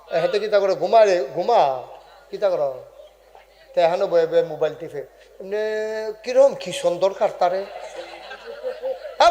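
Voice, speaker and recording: An Islamic preacher delivers a humorous sermon over loudspeakers to a large religious gathering, quizzing and teasing the crowd in call-and-response. His voice is high-pitched and carries through a large hall as he shouts key words and sings some phrases.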